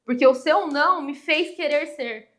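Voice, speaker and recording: A woman's voice: high-pitched, moderate pace. A woman in her thirties from Brazil, telling a personal story as a podcast guest and acting out the voices of the people in it. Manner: animated, acts out dialogue in quoted voices.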